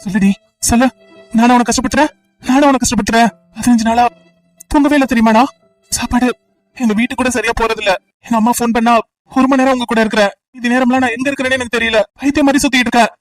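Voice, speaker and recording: A man's voice: high-pitched, steady tone, quick pace, recorded from a distance, soft background music, natural voice, low-quality recording. A man voicing a hot-tempered young cop. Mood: agitated. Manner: pressing, confrontational, rough. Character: intense young policeman Vijay, possessive and hot-tempered. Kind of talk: cartoon story voice acting.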